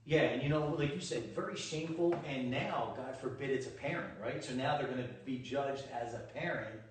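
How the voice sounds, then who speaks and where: A man's voice: mid-range voice, brisk, slight background noise. A man hosting an interview, chatty and affirming, often agreeing with his guest. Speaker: host. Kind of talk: casual interview. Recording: echoey room, distant mic.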